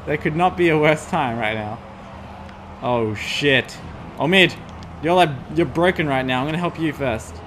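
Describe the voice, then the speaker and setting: A young adult man with a slightly high voice hosts a let's play, giving playful, sarcastic, exclamatory casual commentary while he plays a video game. He speaks at a moderate pace through a desk USB microphone, with background noise audible.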